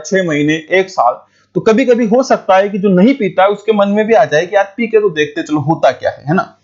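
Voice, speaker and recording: Fast-talking male teacher, high voice. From India. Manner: explains fast, repeats points and checks if students follow. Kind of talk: explaining a school biology lesson. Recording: dull lo-fi recording.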